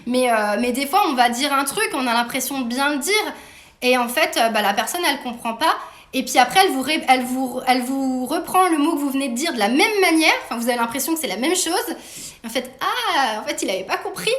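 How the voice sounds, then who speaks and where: Middle-aged woman, high voice, casual live-stream host, lots of fillers, roomy phone sound. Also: expressive, a little fast, a bit bright. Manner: chatty, laughs often, frequent fillers. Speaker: host interviewing her daughter. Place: home room. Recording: roomy echo.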